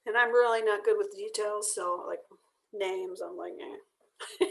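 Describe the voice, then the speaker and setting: A woman leading an online drawing class, explaining each step in a relaxed, chatty way while losing her voice. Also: mid-range voice, a little slow, creaky. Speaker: art workshop instructor. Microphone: video call.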